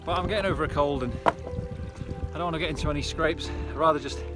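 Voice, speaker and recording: A man with a fairly high voice chats to camera while out jogging. His delivery is casual and broken into short phrases, as an outdoor vlogger's is. Loud music plays along with him. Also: brisk. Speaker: trail running vlogger. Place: outdoors on an upland trail.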